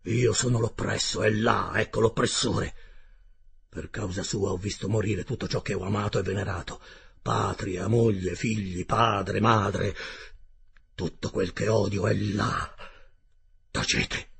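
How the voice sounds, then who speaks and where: A man voicing a vengeful, proud male submarine captain who roars slow, commanding orders in a gravelly voice. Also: fairly low pitch, fairly even intonation, a bit bright, a little hiss or hum. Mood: cold commanding.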